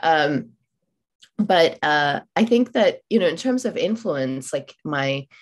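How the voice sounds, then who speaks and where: Speaking as an author guest on a podcast, this Indian woman who grew up in Oman and whose native tongue is Malayalam has a very low-pitched, expressive voice. She reflects aloud, pausing, using fillers and often starting over.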